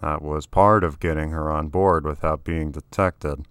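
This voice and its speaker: A man voicing a boastful, easygoing male rebel co-pilot in his own low voice. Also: fairly even intonation, a little slow, clear, resonant tone, no echo, clean studio sound. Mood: cocky.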